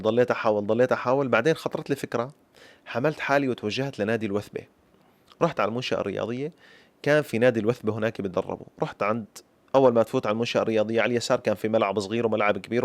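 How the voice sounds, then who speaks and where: A man in his twenties with a Syrian accent, telling a true childhood story in the lively manner of a folk storyteller who keeps addressing his listeners. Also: fairly low pitch, racing, no room sound. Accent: Syrian Arabic. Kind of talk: personal story told to camera.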